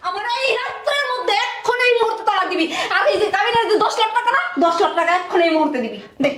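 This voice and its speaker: A woman playing a furious young bride who has been deceived, scolding and shouting. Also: extremely high pitch, expressive, rapid-fire. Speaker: bride in a web drama. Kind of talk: short web drama acting. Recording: echoey room with clear noise.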